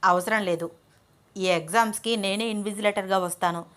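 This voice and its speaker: A woman's voice: medium pitch, fairly even intonation, moderate pace, fairly bright tone, close to an everyday voice. A woman voicing a stern young male lecturer who scolds his wife firmly. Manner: scolding, firm.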